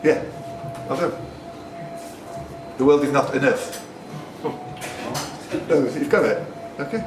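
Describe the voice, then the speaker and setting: Over music, a man with a medium-pitched voice speaks slowly as he hosts a quiz he also wrote, reading questions to the players and slipping in jokes. The room recording is noisy and echoey.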